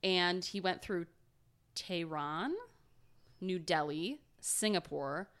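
A woman's voice: lowish voice, slow pace, a bit bright. A young woman co-hosting a casual podcast, telling a story in a rambling, giggly way with chatty asides.

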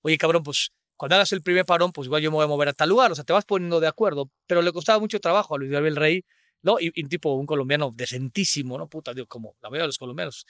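Bright-voiced Mexican man rambling. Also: fairly high pitch, no echo, clean studio sound. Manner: rambling, halting, full of fillers. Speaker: podcast co-host. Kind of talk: casual podcast chat.

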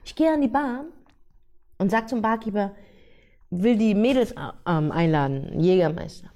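A young woman telling a party story in casual podcast chat, slangy and animated, acting out her friends' voices. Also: mid-range voice, moderate pace, muffled recording.

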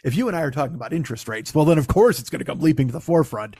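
A man hosting a podcast with a hoarse, gravelly voice as if gargling broken glass, ranting casually and comically with swearing and self-mockery. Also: on the high side, expressive, very fast, warm tone, dry recording, studio quality. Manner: ranting, foul-mouthed, self-deprecating. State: hoarse after losing voice. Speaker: podcast host. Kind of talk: casual comedic monologue.

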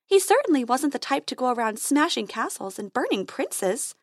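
A woman voicing a brave, brisk female tooth fairy who works as a dentist. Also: high-pitched, big pitch swings, no echo, studio quality, pitched above the performer's own voice, heavily acted.

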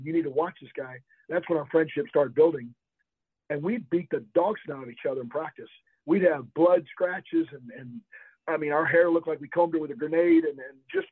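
Older guy telling old football stories over a tinny phone line, husky voice. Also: a little high, no echo. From Florida. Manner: rambling anecdotes with restarts, emphatic, laughs often. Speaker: former college football player, guest. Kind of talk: interview storytelling.

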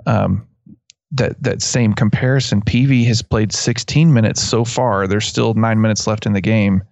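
A man's voice: fairly low pitch, steady tone, moderate pace, gravelly, darkish tone, dry recording. Slightly dull-sounding man with a West Texas twang. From West Texas, USA. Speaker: sports podcast co-host. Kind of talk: casual sports chat.

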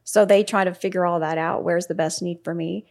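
Middle-aged woman guest, gravelly and fairly low, loose chatty interview delivery. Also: fairly even intonation, fairly quick, a little mellow. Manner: chatty, laughs often, many fillers. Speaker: paraprofessional guest. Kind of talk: casual interview talk.

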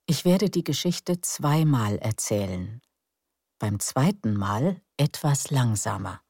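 A woman narrates soothing sleep stories as a podcast host, in a calm, gentle, unhurried way. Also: rumbling low, breathy edge, no echo, clean studio sound. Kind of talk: soothing bedtime story narration.

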